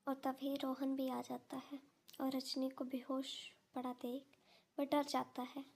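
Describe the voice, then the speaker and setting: A woman's voice: high voice, monotone, unhurried, vocal fry, darkish tone, husky. Woman telling a moral story.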